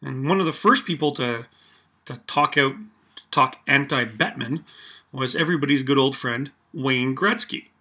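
A man's voice: mid-range voice, normal speed, pushed and bright, breathy edge. Sarcastic filler-heavy young man ranting. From Canada. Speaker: vlog host. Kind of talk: casual opinion rant.

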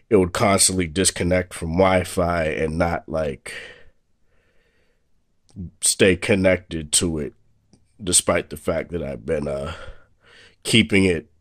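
This young male tech vlogger has a very low voice, slightly sore from a recent illness, and he rambles casually through a hands-on phone review. He's seated at a table indoors, off camera, in a dry room with no echo. His manner is relaxed, with lots of fillers and restarts.

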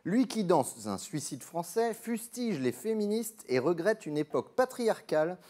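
A man's voice: high voice, big pitch swings, normal speed, darkish tone. A man hosting a TV show, putting questions to a comic guest as the straight man in a sketch. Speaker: TV host. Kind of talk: mock interview in a comedy sketch. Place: TV studio.

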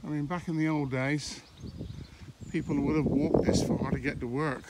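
A middle-aged English walking vlogger gives casual commentary as he films himself on his phone, his voice a little high with a steady tone. He pauses mid-sentence while moving through country lanes and fields, with faint outdoor noise behind him.

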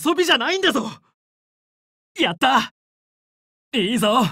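Young heroic fox space pilot from a video game, bright forceful voice, lively swings, commanding but friendly. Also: male voice, very high-pitched, no room sound, studio quality, exaggerated voice. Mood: determined, urgent. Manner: brisk, determined, commanding yet friendly. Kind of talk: Japanese video game voice acting.

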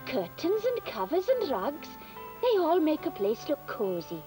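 In a children's cartoon, a homely leek talks gently and patiently about making her home cosy. Her voice is high and lively, with faint music underneath. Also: a little slow, exaggerated voice. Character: kind homely female leek.

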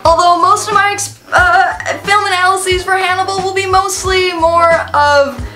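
A woman's voice: very high voice, fairly even intonation, a little slow, music in the background. A young woman hosting an art and film vlog, chatty and playful, poking fun at her own slips. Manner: playful, self-mocking, stumbles and laughs at herself. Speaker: host of an art and film channel. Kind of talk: casual talking-to-camera vlog.

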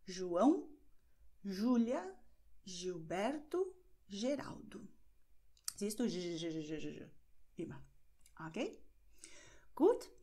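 A woman from Brazil with a São Paulo accent, a native Portuguese speaker, giving an online pronunciation lesson in German, slow and deliberate, often checking in with "Okay?". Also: medium pitch, darkish tone, slightly rough. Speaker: language teacher.

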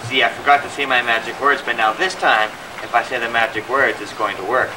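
A man's voice: medium pitch, fairly even intonation, brisk. A man coaching children playfully, like a showy magician at a kids' party, in a casual outdoor home video. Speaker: adult leading children's magic trick game. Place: outdoor driveway. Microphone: camcorder microphone at a distance. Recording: distant, noisy outdoor camcorder audio.

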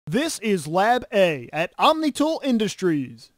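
A man's voice: sits high, very animated, no room sound, studio quality, heavily acted. A man playing an enthusiastic, earnest infomercial announcer in a parody ad, stretching key phrases for emphasis. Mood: upbeat selling. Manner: salesy, drawn-out emphatic phrase endings.

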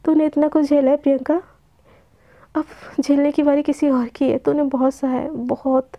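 A woman's voice: high-pitched, flat delivery, normal speed, dark tone. A woman voicing a defiant young woman student who talks curtly and dismissively. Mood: self-encouraging. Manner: curt, dismissive. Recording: dull lo-fi recording.

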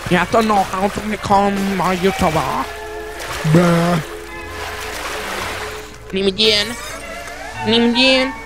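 A young man hosting a casual gameplay video, excitable, shouting and goofing around as he plays. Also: sits high, slow pace, pauses often, over music. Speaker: gaming video host.

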